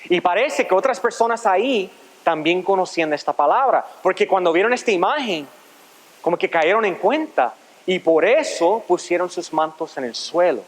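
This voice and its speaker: A man's voice: high-pitched, lively intonation, normal speed. A man pastor preaching a sermon, asking rhetorical questions and reading scripture aloud. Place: church sanctuary. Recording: long church reverb.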